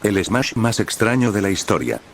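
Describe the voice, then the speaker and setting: A man's voice: lowish voice, very animated, normal speed, slight background noise. A man voicing a jovial, hearty older male hero mentor. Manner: hearty, laughing.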